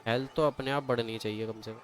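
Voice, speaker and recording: एक आदमी गेम खेलते हुए उत्साह से, बातूनी अंदाज़ में कमेंट्री कर रहा है।. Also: male voice, mid-range voice, fast talker. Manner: excitable, chatty. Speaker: gamer. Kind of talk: casual let's-play commentary. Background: faint game music.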